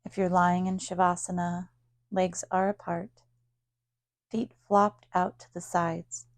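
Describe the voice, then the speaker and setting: A woman teacher guides a yoga nidra meditation in a lowish voice with no echo. She is calm, soothing and unhurried, with long pauses throughout.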